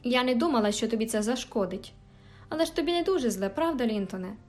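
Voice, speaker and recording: A woman's voice: a little high, lively intonation, fast talker, a little mellow, lightly acted. Woman voicing a fiery teenage girl. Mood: remorseful. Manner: emphatic, indignant outbursts. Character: spirited teenage girl, quick-tempered but tender. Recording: faint background music.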